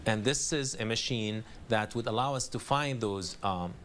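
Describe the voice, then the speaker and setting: Lowish-voiced man, doctor in an interview. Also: normal speed, fairly bright tone, slight background noise. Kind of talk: interview answers.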